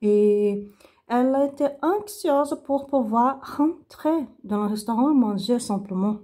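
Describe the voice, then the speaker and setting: A woman gives an unscripted religious testimony in French, haltingly, searching for words and repeating phrases. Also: on the high side, mellow.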